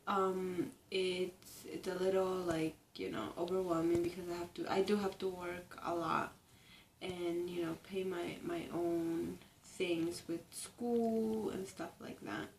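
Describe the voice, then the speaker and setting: A young woman in her twenties from Ecuador, a native Spanish speaker, giving a reflective, halting personal interview with frequent restarts. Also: fairly low pitch, steady tone, slight background noise. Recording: roomy echo, distant mic, faint ambience.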